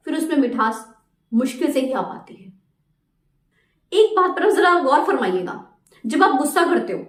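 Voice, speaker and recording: A woman's voice: high-pitched, roomy sound, recorded from a distance. A woman giving a motivational talk who keeps asking the listeners questions. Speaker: motivational speaker.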